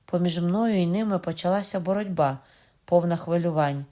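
A woman giving an expressive first-person audiobook reading, lively and rising high whenever she voices excited speech. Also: moderate pace. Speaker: audiobook narrator.

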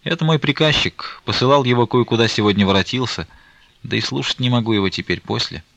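A man reading the part of a stern, grieving old merchant, talking in a slow, weighty, reproachful way. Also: medium pitch, creaky, a bit bright, pitched above the performer's own voice.

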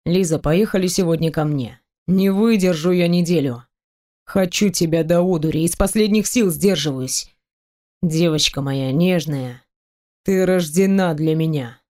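A woman's voice: normal speed, natural voice. Woman doing a velvety, teasing grown man. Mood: seductive. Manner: low, velvety, coaxing delivery. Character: teasing, seductive grown man, confident and pushy. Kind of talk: audiobook reading.

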